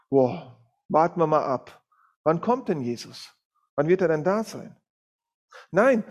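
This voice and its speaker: A middle-aged man gives a sermon in a fairly high voice. He talks loosely, stops on fillers and corrects himself as he goes. He speaks to the congregation in a direct, plain way. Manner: informal, with many fillers and self-corrections. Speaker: guest preacher from a Bible school. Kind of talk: sermon with a read-aloud story.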